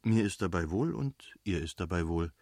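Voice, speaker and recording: A man voicing a young officer who is smitten and pleased with himself, musing softly to himself as part of an audiobook reading. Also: sits low, animated, moderate pace, no echo, studio quality. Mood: dreamy, musing. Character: young male officer, smitten and self-satisfied.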